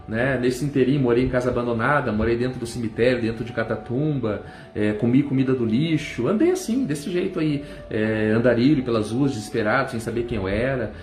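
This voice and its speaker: A man's voice: medium pitch, a little mellow. A middle-aged man from Brazil, giving a fervent church testimony and breaking into cries of praise. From southern Brazil. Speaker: testimony speaker. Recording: echoey room with faint music.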